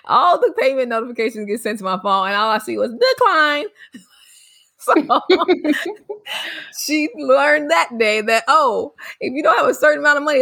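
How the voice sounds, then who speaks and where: A woman's voice: fairly high pitch, creaky, a bit bright. A woman co-hosting a casual parenting podcast, who laughs often while she talks. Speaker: co-host.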